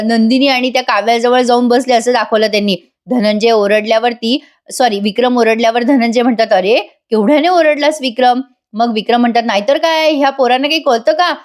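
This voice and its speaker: Brief: friendly woman reviewer with a fairly high voice, chatting to viewers in voice-over. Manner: chatty, addresses viewers directly. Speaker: TV serial reviewer.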